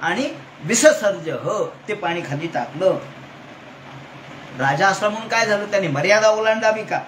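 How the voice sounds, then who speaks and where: High-voiced man, devotional storyteller, animated, roomy echo. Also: normal speed. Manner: animated storytelling, acting out dialogue. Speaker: religious storyteller. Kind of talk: devotional scripture discourse. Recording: echoey room with faint noise.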